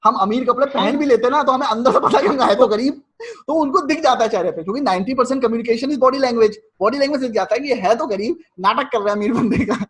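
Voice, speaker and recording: A man's voice: very high voice, fast, fairly bright tone, slightly rough. A young man hosting an interview, talking bluntly and casually, swearing freely and slipping into English phrases. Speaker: YouTube interviewer. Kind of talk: casual Hindi-English conversation.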